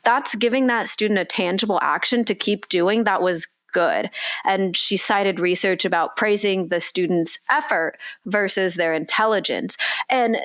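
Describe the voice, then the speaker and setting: A woman's voice: mid-range voice, a bit bright. A woman co-hosting a podcast, explaining things with enthusiasm in casual chat. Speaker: podcast co-host.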